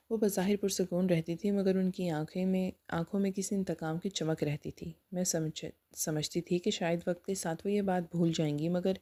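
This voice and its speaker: A woman's voice: fairly low pitch, warm tone. A woman narrating a first-person dramatic story in an earnest, emotional manner.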